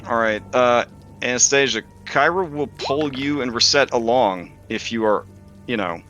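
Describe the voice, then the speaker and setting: Bright-voiced man running a tabletop game. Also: medium pitch, moderate pace, faint music behind. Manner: informal, joking, sweary. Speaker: game master. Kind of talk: casual tabletop game narration.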